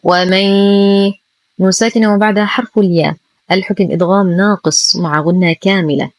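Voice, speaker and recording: A woman teaching Quran recitation, who alternates brisk rule explanations with very slow, carefully drawn-out model readings. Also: on the low side, dry recording.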